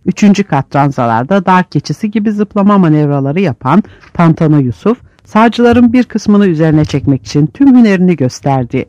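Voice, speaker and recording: A man narrating an audiobook with vivid, expressive reading. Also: sits high, brisk, few pauses, no room sound, lo-fi sound. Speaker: audiobook reader.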